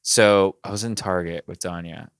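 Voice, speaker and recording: A young man with a low, smooth, resonant voice, talking casually as a podcast co-host. He tells stories animatedly, leaning on filler words, and the sound is close and dry. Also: moderate pace, no echo. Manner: animated storyteller, many fillers. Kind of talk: casual chat.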